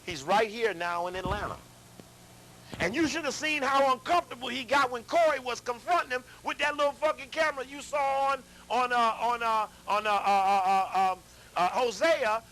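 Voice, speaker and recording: A man lecturing a live audience, animated, asking them questions and repeating himself as he talks. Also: extremely high pitch, moderate pace, low-quality recording. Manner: animated, addresses audience directly, repeats and restarts.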